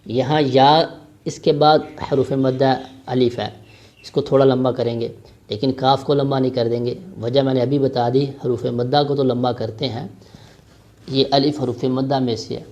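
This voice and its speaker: Man, recitation teacher, mellow dark voice, dull lo-fi sound, slow careful spelling of syllables. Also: mid-range voice, level tone. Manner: spells out syllables slowly, then recites drawn out. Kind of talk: step-by-step recitation lesson.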